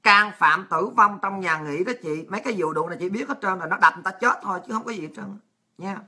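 A woman's voice: mid-range voice, fast talker, pushed and bright, slightly rough. Harsh-toned woman ranting, Southern Vietnamese accent. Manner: ranting, crude and abrasive. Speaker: livestream host. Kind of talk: angry livestream rant, reading viewer messages.

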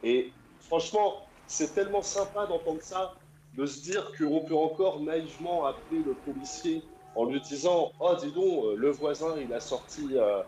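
A man in his thirties with a warm voice on the high side calls a radio show via the internet. The casual call-in chat finds him rambling eagerly with many fillers, and the audio carries a roomy echo with faint music playing behind.

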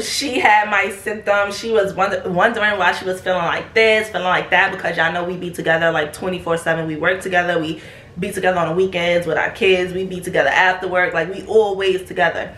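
A woman's voice: on the low side, fairly quick, roomy sound. A young woman telling a casual, profane storytime about her pregnancy to her viewers. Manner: slangy, profane, animated, breaks into laughter. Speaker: vlogger.

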